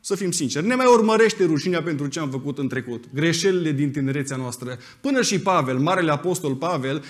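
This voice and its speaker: A man delivering a sermon as a pastor in a church, his voice pitched a little higher than most men's. He preaches with emphasis and speaks straight to the congregation, calling on members of the church by name. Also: expressive.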